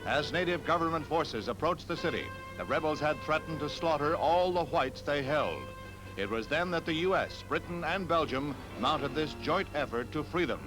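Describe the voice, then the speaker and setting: A man's voice: on the high side, expressive, moderate pace, poor audio. A man giving grave, dramatic announcer narration for an old 1960s archival newsreel. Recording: narration over loud newsreel music.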